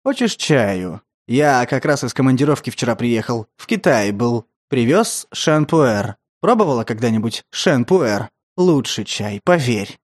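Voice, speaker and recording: A man voicing a lecherous, menacing older stepfather who talks in a wheedling, breathy way. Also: medium pitch, animated, measured pace, hardly any pauses, no room sound, clean studio sound, pitched below the performer's own voice. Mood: leering. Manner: wheedling, breathy, then snarling.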